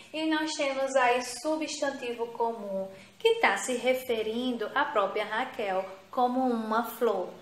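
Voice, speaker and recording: A woman teacher with a fairly high voice talks slowly and patiently, repeating points for young pupils. Her voice rings in an echoey room, with a faint hum of ambience behind her. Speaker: primary school teacher. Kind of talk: recorded remote grammar lesson.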